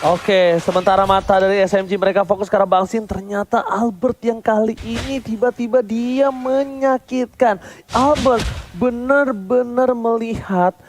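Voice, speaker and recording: Hyped guy doing esports play-by-play, really high voice, fighting game announcer type. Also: steady tone, moderate pace, a little hiss or hum. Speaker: esports shoutcaster. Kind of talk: excited play-by-play game commentary.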